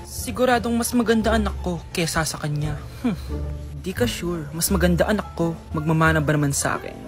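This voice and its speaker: A woman's voice: lowish voice, fairly quick, over music, voice pushed down, close to an everyday voice. A woman voicing a vain pregnant woman's snide inner thoughts in a comedy skit. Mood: smug. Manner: boastful, snide.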